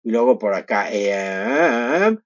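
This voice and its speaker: A man's voice: fairly low pitch, expressive, takes it slowly. A man hosting a live stream, chatty and effusive as he reads out viewer comments. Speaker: livestream host. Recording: dull lo-fi stream audio.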